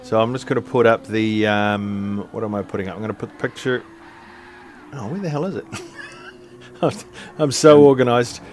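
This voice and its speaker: A man's voice: lowish voice, normal speed, pauses often, a little hiss or hum. A man co-hosting a sim racing stream, talking in a loose, chatty way with lots of fillers and self-deprecating asides. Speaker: co-host doing the visuals.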